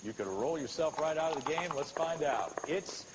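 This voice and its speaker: High-voiced American male game show host. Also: animated, a little fast. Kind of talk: televised game show hosting. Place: television studio with audience. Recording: noisy old TV broadcast tape.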